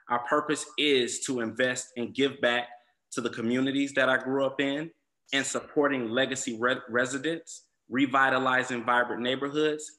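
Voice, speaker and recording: A man's voice: mid-range voice, pushed and bright. Earnest man presenting a civic plan. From Southwest Atlanta, USA. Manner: earnest, with frequent ums and repeated words. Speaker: applicant presenting to a zoning commission. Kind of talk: prepared presentation.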